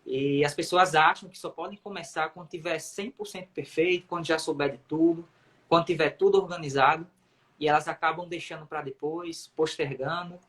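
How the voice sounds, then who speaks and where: A man's voice: fairly high pitch, a bit bright. Man explaining his views thoughtfully. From Brazil. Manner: reflective, explanatory, measured opinions. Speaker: guest. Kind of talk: casual chat.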